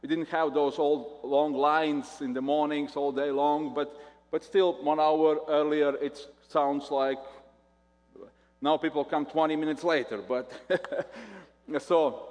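A man with a Latvian accent preaches as a visiting pastor, his voice sitting a little high for a man. He speaks haltingly, circling back over his words as he goes. The sound carries a long echo from a church hall. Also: steady tone, darkish tone. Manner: halting, repeats words often. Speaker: guest pastor. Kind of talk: sermon.

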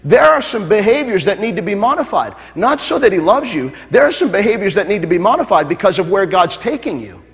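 This sermon comes from a male pastor whose notably high voice swings widely in pitch, running a little fast with hardly any pauses. He builds repeated phrases to loud, fervent peaks and stops for jokes with the crowd, all echoing with long reverb from a large hall.

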